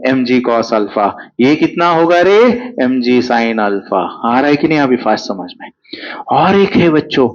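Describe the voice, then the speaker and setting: Physics sir, keeps quizzing the kids, bit high voice, muffled lo-fi audio. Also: male voice. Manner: coaxing, questions students constantly. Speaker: physics teacher. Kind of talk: exam crash-course lecture.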